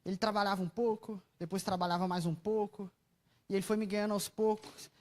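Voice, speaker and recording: Brazilian woman, preacher, sermon, mid-pitched voice, soft asides and loud outbursts, asks the crowd questions. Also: a little fast. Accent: Brazilian Portuguese. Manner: expressive storytelling, swinging between soft asides and loud exclamations; chatty, asks the audience questions.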